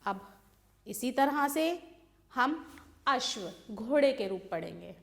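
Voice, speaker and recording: A woman, teaching a class by reciting grammar. Her voice sits high, and she reads out each word form slowly and in a steady rhythm, pausing between them. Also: gravelly.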